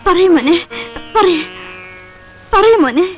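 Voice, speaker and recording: Brief: tender, pleading mother, high voice over faint music. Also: lively intonation, takes it slowly, heavily acted. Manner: pleading, gently insistent. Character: loving mother gently pressing her little son. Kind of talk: 1980s film drama dialogue.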